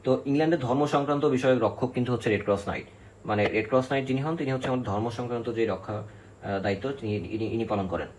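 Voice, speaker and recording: A man's voice: mid-range voice, fast talker, darkish tone, slight background noise, low-quality recording. A male literature teacher giving an exam-prep lecture, explaining step by step, counting syllables aloud and often checking in with his students.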